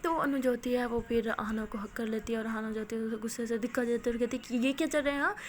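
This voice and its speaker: A woman's voice: on the high side, fairly even intonation, fast talker, slight background noise. A woman narrating a love story in a casual, matter-of-fact way.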